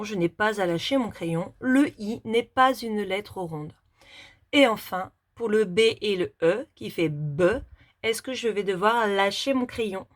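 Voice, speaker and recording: A woman teaching young children handwriting, talking slowly step by step as she writes. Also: a little high. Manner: slow, step-by-step demonstration while writing.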